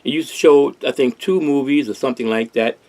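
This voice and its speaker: A man's voice: medium pitch, brisk, a little mellow. An older man, hosting a casual discussion in an earnest, rambling way with many restarts. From Harlem, New York. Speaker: host.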